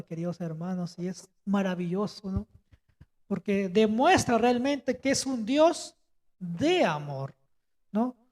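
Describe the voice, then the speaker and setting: A man's voice: sits high, a little mellow. A young man giving a casual, earnest comment in a church Bible study, tagging his phrases with a questioning "¿no?".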